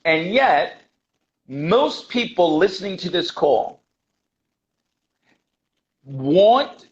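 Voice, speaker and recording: A man explaining as a guest teacher in an interview, emphatic and deliberate, repeating phrases to stress his points. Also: high voice, very animated. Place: remote call. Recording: dull lo-fi call audio.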